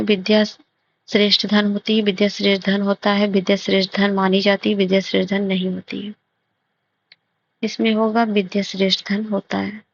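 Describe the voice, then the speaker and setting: A woman with a gravelly, even voice works through test answers in a slow, methodical way, repeating and correcting phrases. The recording sounds dull and lo-fi. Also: medium pitch. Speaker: exam prep teacher. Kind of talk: explaining grammar test answers.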